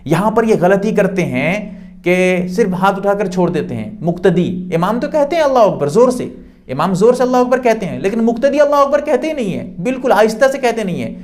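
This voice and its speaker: A man's voice: high-pitched, very animated, darkish tone. A male Islamic scholar explaining prayer steps patiently, step by step, often asking and answering his own questions. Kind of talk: religious instruction.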